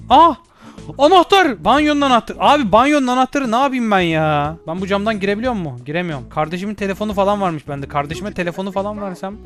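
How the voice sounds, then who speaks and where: A young man playing an escape game, chatting to himself and yelling when he gets chased. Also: sits high. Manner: excitable, yells and shrieks when chased; talks to himself and to game characters. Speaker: gaming YouTuber. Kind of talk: playing a horror escape game live, casual chat. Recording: faint game music behind.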